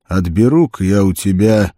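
A gruff, fearless barbarian warrior, as a male narrator voices him speaks in short, blunt, scornful phrases. The voice is deep and warm, set down dry and close in an audiobook. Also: normal speed, no room sound, lightly acted. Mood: irritated.

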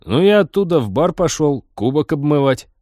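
A man's voice: fairly high pitch, sing-song, normal speed, no echo, clean studio sound, pitched above the performer's own voice. A man doing a brash, tipsy young pilot. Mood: smug. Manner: slangy, boastful, loud. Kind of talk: audiobook character voice.

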